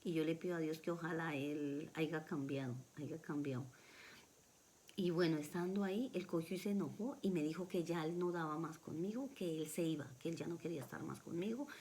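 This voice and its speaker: Low-voiced Colombian woman telling her story. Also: a little fast, mellow, a little hiss or hum. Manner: emotional, earnest, repeats her phrases. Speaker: vlogger. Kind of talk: personal life story told to camera.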